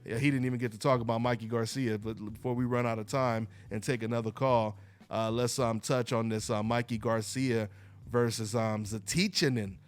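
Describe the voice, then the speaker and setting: A man's voice: medium pitch, fairly even intonation, fairly quick. A man hosting a call-in boxing show, talking loosely and rambling with many "you know, man" fillers. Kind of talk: casual call-in radio talk.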